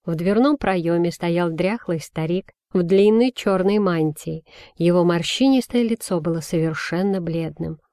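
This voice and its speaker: A woman reading a children's fantasy story aloud, with clear, even storytelling. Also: fairly low pitch, a little slow, no echo, studio quality. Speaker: audiobook narrator. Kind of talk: scripted storybook narration.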